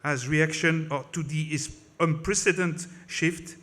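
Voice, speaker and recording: His voice runs high, with a steady tone and a bright, pushed quality, at a measured pace. A native French speaker, he delivers a passionate political speech in English at a conference, accented and marked by frequent slips and restarts.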